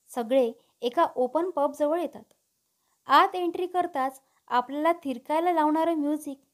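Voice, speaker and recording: High-voiced woman storyteller. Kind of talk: storybook narration.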